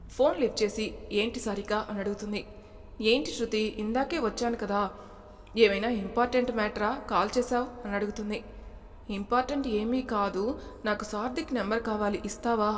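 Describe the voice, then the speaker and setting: A woman's voice: medium pitch, big-room sound. A woman narrating a story and reading every character's lines herself, with small shifts of voice.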